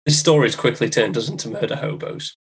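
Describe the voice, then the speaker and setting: A man's voice: mid-range voice, fairly quick, crowd noise. A man playing a tabletop game with friends, making dry, sarcastic remarks. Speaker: player. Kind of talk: casual banter at a game table.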